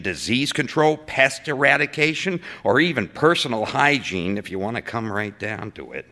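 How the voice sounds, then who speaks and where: In a dramatic story reading, an actor with a sharp, medium-pitched voice plays a defensive, exasperated civil servant testifying before senators. He's folksy and emphatic, stammering as he justifies himself.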